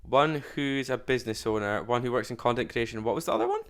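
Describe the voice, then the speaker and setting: A streamer gives casual, slangy reaction commentary punctuated by blunt, loud outbursts. He's a man with a smooth, medium-pitched voice who talks fast.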